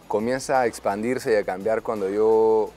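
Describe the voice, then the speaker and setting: A man's voice: lowish voice, steady tone, normal speed, warm tone. Male host, faint outdoor noise. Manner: friendly, orderly, with hesitant fillers. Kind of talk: casual interview. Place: outdoor tennis court.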